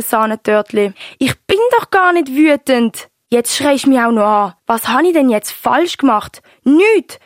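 A woman's voice: sits high, no echo, clean studio sound. A woman playing an older Swiss grandmother who fondly tells her grandchild how she met her husband, speaking with a Swiss German accent. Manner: warm, storytelling, fond reminiscing. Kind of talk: radio-play storytelling.

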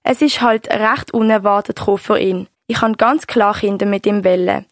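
A woman's voice: medium pitch, fairly even intonation, moderate pace, dry recording, studio quality, lightly acted. Woman playing a Swiss grandma reminiscing. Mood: fond. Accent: Swiss German. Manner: warm, storytelling, fond reminiscing. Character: older Swiss grandmother recalling her youth. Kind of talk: radio-play storytelling.

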